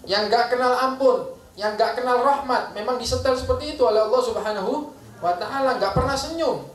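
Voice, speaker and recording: A man's voice: very high voice, brisk. A man preaching a sermon, emphatic and repetitive, often checking that the listeners understand. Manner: emphatic, repeats key phrases, asks the crowd "paham ya?". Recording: roomy echo, distant mic, faint ambience.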